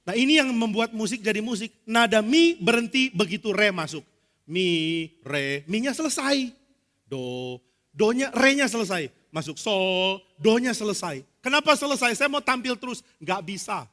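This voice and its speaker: A male pastor preaching a lively sermon in a church, playful and conversational, often acting out scenes and humming notes. His voice sits high and bright. A long hall reverb trails every phrase, with faint music underneath. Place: church sanctuary.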